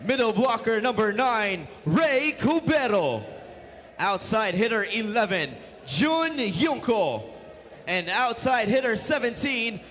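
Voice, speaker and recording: A man's voice: extremely high pitch, fairly bright tone. A man announcing referees and starting players over the PA, stretching out each name. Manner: slow, drawn-out announcing of names. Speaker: arena announcer. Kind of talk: player introductions over the arena PA. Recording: long reverb of a big coliseum.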